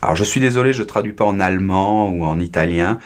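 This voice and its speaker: A man giving a French grammar lesson, explaining slowly with many fillers and checking in with "ok" and "d'accord". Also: low-pitched. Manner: models pronunciation, drawing out sounds. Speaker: French teacher.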